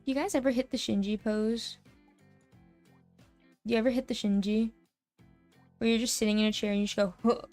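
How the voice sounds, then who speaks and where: A young American woman streaming a casual chat, telling stories in a lively way, laughing often and swearing freely. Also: a little high, moderate pace, long pauses, faint music behind. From United States.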